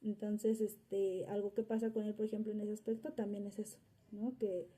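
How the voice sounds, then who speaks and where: A woman's voice: mid-range voice, little pitch movement, normal speed, warm tone, slightly rough. A woman, a mother answering interview questions in a rambling, casual way with many fillers and restarts. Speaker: mother of interviewee's subject child.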